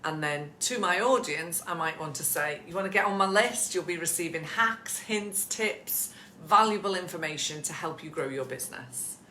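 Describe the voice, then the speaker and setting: A woman's voice: lowish voice, expressive, moderate pace, few pauses, bright, forceful tone, roomy sound, a little hiss or hum. A woman coaching photographers in a casual live session from home, chatty and encouraging, addressing viewers by name. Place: at home with pets nearby.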